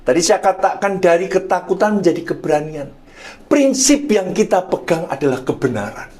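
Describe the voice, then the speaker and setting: A middle-aged man delivers a storytelling sermon in a slightly raised voice. He keeps turning to the congregation as brothers and sisters, and his phrases drop away softly at their ends. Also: high-pitched, lively intonation, moderate pace. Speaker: pastor.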